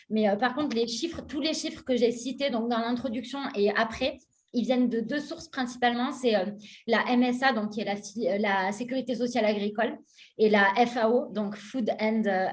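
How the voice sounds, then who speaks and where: A woman's voice: a little high, a little mellow. A woman moderating an online round table, reading out audience questions with many hesitations.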